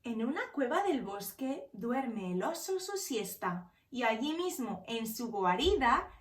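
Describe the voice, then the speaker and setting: A woman with a Spanish accent reading a rhyming picture book aloud to children in a sing-song, expressive way. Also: a little high, measured pace. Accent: Spanish (Spain). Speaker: storyteller. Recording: echoey room, voice from a distance.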